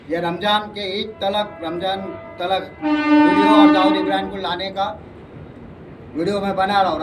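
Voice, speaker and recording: High-voiced man ranting. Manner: emphatic, ranting, repeats himself. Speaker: vlogger. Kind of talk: political monologue to camera. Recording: distant mic, faint background noise.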